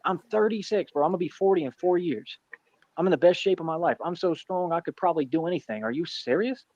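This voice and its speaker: A man's voice: a little high, fast, a little mellow, dry recording, lo-fi sound. A man in his thirties bragging and taunting in brash, repetitive trash talk. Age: 30s. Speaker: streamer in a played clip.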